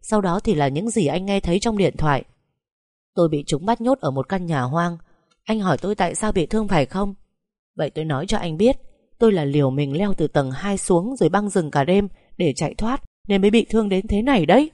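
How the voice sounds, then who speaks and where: A young wife who is hurt but defiant, and who turns to accusation, voiced by a woman. The voice is low and mellow, and the sound is dry. This is a storybook reading. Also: expressive, a little fast, dry recording, lightly acted. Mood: distraught. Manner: pleading, accusing.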